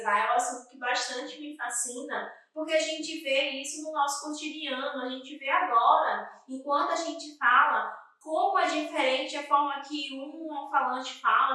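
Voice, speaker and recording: Her voice is high-pitched, bright and forceful as this young adult woman explains exam-prep material in her Northeastern Brazilian Portuguese accent. She's from Northeast Brazil and tacks on "tá?" after almost every point. It's a rough recording, very echoey, with a distant mic.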